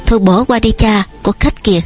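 A woman with a breathy voice reading the lines of a polite young farm son who speaks softly. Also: fairly high pitch, a little fast, faint music behind. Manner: soft, polite.

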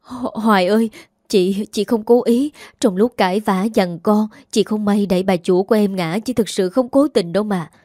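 A woman's voice: mid-range voice, expressive, moderate pace, no room sound, natural voice. Defiant scheming young woman, voiced by the narrator, accusing, bitter; dry close audiobook sound. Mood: pleading. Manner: accusing, sharp-tongued.

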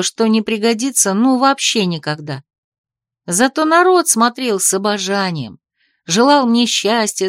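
Lady reading a fantasy novel first person, kinda wry and expressive, dry close sound. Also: mid-range voice, no room sound. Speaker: audiobook narrator.

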